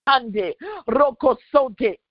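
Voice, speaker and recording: High-voiced woman shouting prophetic prayer. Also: extremely slow, dry recording. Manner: chanting, repetitive, proclaiming with frequent shouted bursts. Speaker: minister leading prayer. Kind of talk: prophetic prayer declaration, praying in tongues. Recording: dull lo-fi recording.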